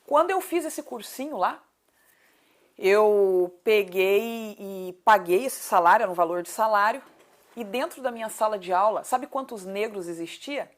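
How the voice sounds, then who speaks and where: Speaking unhurriedly in an animated mid-range voice, this interview guest is a thirty-eight-year-old woman running for city council. She's from Paraná with a southern Brazilian accent, and her conversational answers are emphatic, full of repetition and rhetorical questions.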